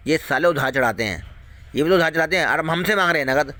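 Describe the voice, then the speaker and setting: A man's voice: a little high, lively intonation, fast, pushed and bright, no room sound. A man delivering a heated, profane rant straight at viewers, repeating his points and firing off rhetorical questions. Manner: heated, repetitive, heavily profane. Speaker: video host warning viewers. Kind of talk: angry ranting monologue to viewers.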